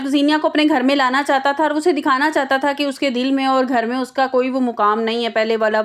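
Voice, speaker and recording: A woman giving a casual, unscripted recap of a TV drama's plot, often hesitating and restarting. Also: sits high. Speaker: drama episode recap presenter.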